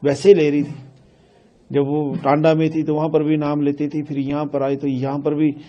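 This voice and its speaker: Grieving dad from himachal, middle-aged, warm low tone, keeps repeating himself, news interview. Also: male voice, completely flat delivery, muffled recording. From Himachal Pradesh, India. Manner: repetitive, halting storytelling that quotes family dialogue. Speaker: grieving father of a student. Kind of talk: recounting events in a news interview.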